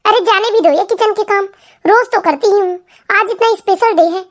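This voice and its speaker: A woman's voice: very high-pitched, normal speed. Woman as a chatty, sulky cartoon wife. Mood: hopeful. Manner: chatty, talks to herself, sulky. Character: young wife, hopeful and sulky. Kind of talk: cartoon family comedy voice acting.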